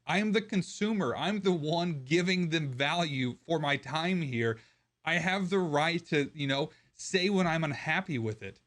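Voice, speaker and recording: Frustrated, slightly high-voiced man ranting. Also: unhurried, fairly bright tone. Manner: frustrated, rambling, with frequent restarts and laughs. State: hoarse, losing his voice. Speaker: gaming content creator. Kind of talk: opinion rant to camera.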